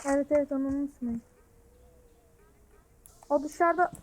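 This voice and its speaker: A woman playing a mobile shooter with friends, shouting quick, excitable callouts in casual gameplay chat. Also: high-pitched. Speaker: mobile game player.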